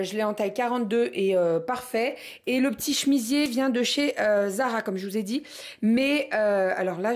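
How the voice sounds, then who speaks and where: A young woman vlogging to her followers in a relaxed, chatty way, pausing often with fillers as she talks. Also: medium pitch. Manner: chatty, full of hesitations and fillers. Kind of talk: casual chat to camera.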